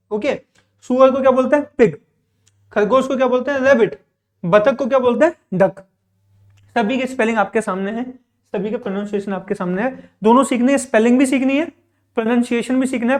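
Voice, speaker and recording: A male teacher giving a classroom vocabulary lesson. He asks his own questions, answers them in a repetitive drill and explains patiently with frequent check-ins. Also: sits high. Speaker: English teacher.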